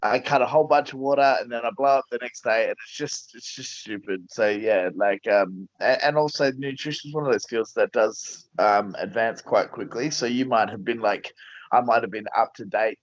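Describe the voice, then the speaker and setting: A man speaks as a fight coach in a casual interview, in a blunt, plain-spoken way. His pitch sits in the middle range. The sound is dry, close and a little dull. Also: normal speed, no room sound.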